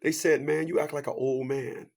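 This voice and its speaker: This fifty-something man's preachy motivational monologue comes in a creaky voice with flat delivery at a moderate pace. Even so, he asks rhetorical questions, repeats his catchphrases, and moves from loud, high bursts down to hushed asides.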